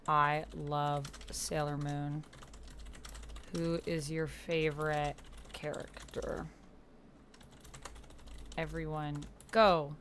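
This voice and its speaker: Keyboard clicks accompany this roleplay stream host as she chats, mutters to herself while typing, and reads posts out loud. She's low-pitched and level, drawing out words and pausing often, with a slightly bright tone and some background noise.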